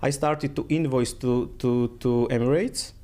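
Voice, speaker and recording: A man's voice: mid-range voice, steady tone, unhurried, darkish tone. Croatian-born man. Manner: non-native phrasing, repeats words and phrases. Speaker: guest. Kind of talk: casual interview.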